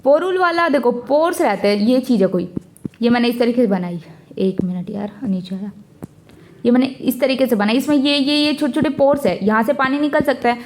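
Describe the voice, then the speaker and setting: A woman's voice: a little high, a little fast, a little mellow, a little hiss or hum. A young woman teaching exam current affairs in a casual, chatty way, mixing English words into her talk and speaking straight to her students. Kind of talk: casual lesson with memory tricks.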